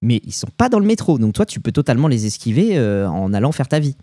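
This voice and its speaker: Chatty French man with a mellow voice. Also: medium pitch, quick pace, no room sound, clean studio sound. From France. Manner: animated storytelling with slang and fillers. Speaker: podcast co-host. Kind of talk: casual chat.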